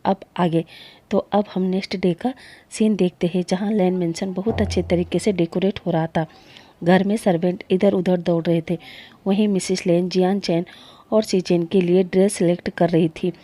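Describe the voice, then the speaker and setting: A woman hosting a storytelling channel, retelling a fan story in a steady, conversational narration. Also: lowish voice, normal speed.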